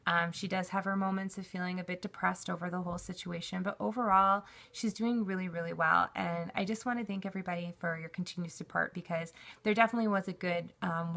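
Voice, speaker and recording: Middle-aged female vlogger, conversational and rambling, noticeably gravelly fry in a lower register. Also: a bit bright. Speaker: vlogger, parent giving a recovery update. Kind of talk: casual personal update to camera.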